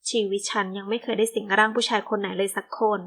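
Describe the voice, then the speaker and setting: A woman's voice: mid-range voice, level tone, fast, fairly bright tone, natural voice. A woman voicing a huffy young woman producer. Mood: indignant. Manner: indignant, sulky.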